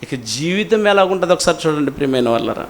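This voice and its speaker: A male pastor preaching a sermon in an animated way, often putting questions to his congregation. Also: a little high, fast. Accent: Telugu.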